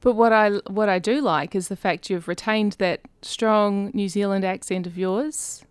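A woman's voice: medium pitch, fairly even intonation, measured pace, clear, resonant tone, no echo. A woman hosting a casual studio interview, putting questions to her guest in a conversational way. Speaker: radio show host, interviewer.

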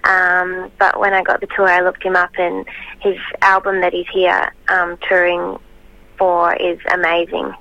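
A woman's voice: on the low side, monotone, unhurried, bright, forceful tone, dry recording. A woman touring as a singer, talking over the phone in a casual interview, hesitant with many ums and restarts. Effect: heard over the phone. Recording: muffled dry phone line.

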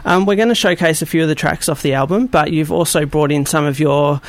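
A man hosting a radio show from a studio, chatty and quick to laugh. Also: on the high side, no room sound. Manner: friendly, chatty, laughs easily. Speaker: radio host. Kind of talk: casual radio chat.

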